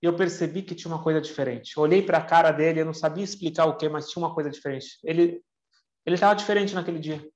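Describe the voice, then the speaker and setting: An earnest young man , voiced by a male storyteller, recalls his grandfather in the first person, tearful and sincere. The voice sits a bit high for a man. It sounds roomy and echoey, with a dull, lo-fi tone. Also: fairly even intonation, fast talker, darkish tone, close to an everyday voice.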